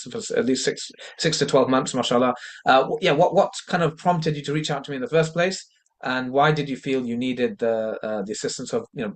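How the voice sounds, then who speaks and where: A man with a mid-pitched voice hosts an informal interview. He builds long questions hesitantly, repeating words and phrases as he works towards the point. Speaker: interviewer, coach.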